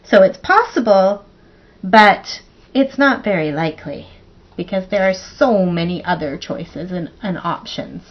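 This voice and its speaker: Woman teacher doing storytime for kids, playful and expressive, kinda dull lo-fi sound. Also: mid-range voice, a little slow. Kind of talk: reading a picture book aloud to children.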